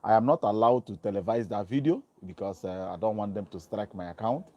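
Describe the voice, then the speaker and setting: A fairly low-pitched man talks a little fast while giving casual livestream commentary as an online TV host. He's outdoors in Germany on a mobile phone and earphone mic, the highs are cut off, and he rambles with plenty of ums and restarts.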